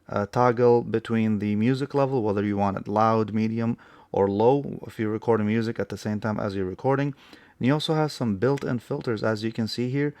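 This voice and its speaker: Male tech review host, medium pitch, informal and conversational. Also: darkish tone, no room sound. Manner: informal, addresses viewers as guys and folks. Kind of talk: casual gadget review to viewers.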